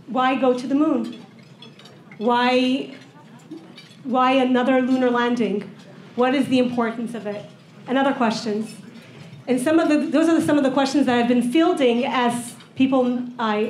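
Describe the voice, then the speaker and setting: A young woman interviewer speaking formally and clearly on stage through a handheld mic. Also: high-pitched, darkish tone, slight background noise. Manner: formal and articulate. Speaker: interviewer and program director. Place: event hall with audience. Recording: echoey hall, faint room ambience.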